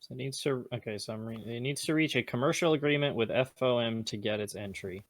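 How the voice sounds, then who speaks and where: A man co-hosting a casual racing podcast, explaining details at length in a relaxed way. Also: medium pitch, fast talker, no echo. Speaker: podcast co-host. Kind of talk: casual chat.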